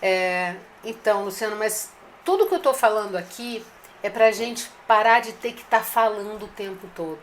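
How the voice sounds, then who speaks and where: A woman's voice: medium pitch, moderate pace, slight background noise. A woman giving a direct, coaching business talk to restaurant owners, speaking to them familiarly. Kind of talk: live-streamed business advice talk.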